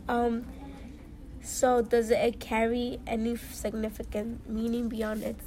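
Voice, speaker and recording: A woman with a slightly high, flat, dark-toned voice speaks slowly as she conducts a casual interview. She's chatty and curious, asking follow-up questions, while a noisy crowd chatters in the background.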